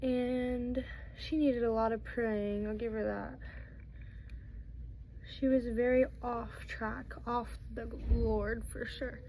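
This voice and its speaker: A woman's voice: a little high, steady tone, takes it slowly, mellow, a little hiss or hum, poor audio. A teenage girl chatting casually through a storytime while doing her makeup, rambling with lots of fillers and restarts. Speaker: vlogger.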